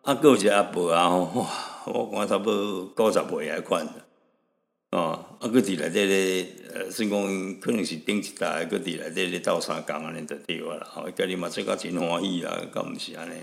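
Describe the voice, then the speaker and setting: A man from Taiwan hosting a radio show, telling stories in a rambling, relaxed way with frequent chuckles and tag particles. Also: low-pitched, a little fast, vocal fry, in a large hall. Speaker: radio host. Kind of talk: chatty radio storytelling. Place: radio studio.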